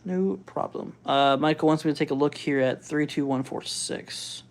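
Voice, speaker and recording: A man hosting a live weather stream, giving casual, halting commentary as he thinks aloud and reads out figures. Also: fairly high pitch. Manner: informal, halting, thinking aloud while looking things up. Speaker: weather livestream host.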